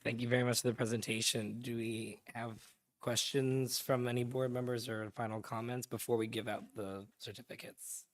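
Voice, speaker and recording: A man chairing a school board meeting, speaking in a brisk, procedural way. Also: medium pitch, little pitch movement. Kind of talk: running a meeting.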